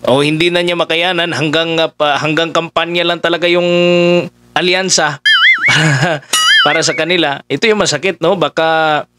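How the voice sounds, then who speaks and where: A man's voice: a little high, steady tone, moderate pace, sharp tone, faint music behind. A man giving casual political commentary, talking conversationally with many fillers as he addresses his listeners.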